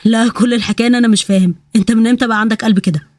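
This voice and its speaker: A woman's voice: on the high side, steady tone, rapid-fire, a little mellow, no echo, clean studio sound, lightly acted. A woman doing a grumpy sarcastic thief. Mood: mocking. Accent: Egyptian Arabic. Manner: sarcastic, complaining.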